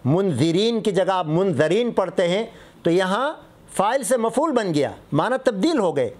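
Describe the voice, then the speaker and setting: High-voiced man teaching recitation. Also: expressive. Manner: explains patiently with contrasting word examples. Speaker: mufti teaching Islamic rulings. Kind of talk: religious lesson on Quran recitation.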